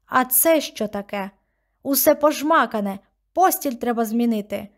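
A woman's voice: fairly high pitch, animated, moderate pace, natural voice. A stern old grandmother in an audiobook, voiced by a woman narrator, curt and commanding. She scolds in short, clipped orders, her tone cold and bossy. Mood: scolding.

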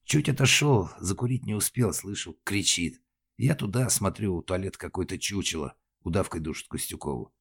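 Man doing a shaken young cop, rough slangy rambling, audiobook. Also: low-pitched, animated, moderate pace, exaggerated voice. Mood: rattled. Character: blunt young male police officer, rattled and rambling. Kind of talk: audiobook character voice.

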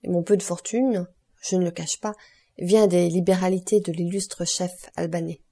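A woman's voice: lowish voice, fairly even intonation, normal speed, warm tone. A woman voicing a stiff, guarded middle-aged general in an audiobook.

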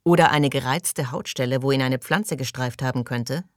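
A man's voice: mid-range voice, moderate pace, no echo, studio quality, natural voice. A man reading an audiobook, voicing a suspicious, brooding male colonist who asks distrustful, probing questions.

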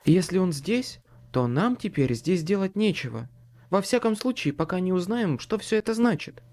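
A weary woman speaks in a hushed, anxious voice and turns sharp when pushed, as a male narrator puts her on. Her pitch sits higher than his own. She is a figure in a spoken audiobook. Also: very animated, moderate pace. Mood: weary urgent.

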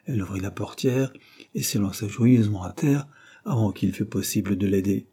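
A man narrating a classic novel as an audiobook, reading in a steady, measured way. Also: fairly low pitch, creaky, husky. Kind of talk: scripted narration.

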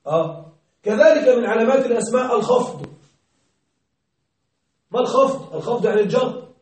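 A man teaching grammar to a class, his fairly high voice picked up from well back in a strongly echoing room. He keeps questioning the students and checks they are with him. He repeats the key words slowly. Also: animated. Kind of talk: classroom lesson. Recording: very echoey room, distant mic.

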